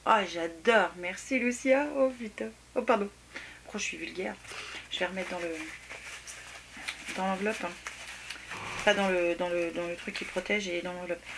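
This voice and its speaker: A woman chatting casually as she opens fan mail at home, exclaiming and often dropping to soft near-whispers. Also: lowish voice, moderate pace, pauses often. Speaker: beauty vlogger opening fan mail. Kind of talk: casual unboxing chat. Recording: noisy home recording with clicks.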